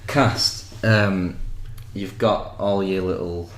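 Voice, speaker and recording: A man's voice: deep voice, fairly even intonation, takes it slowly. A young man with a West Yorkshire accent, co-hosting a podcast in casual chat, swearing freely and laughing often. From West Yorkshire, England. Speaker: podcast co-host. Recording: echoey room with faint noise.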